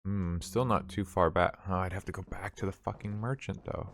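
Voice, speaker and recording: A man's voice: deep voice, fairly even intonation, normal speed, background noise. A man streaming a video game, rambling and thinking aloud in casual commentary, swearing now and then.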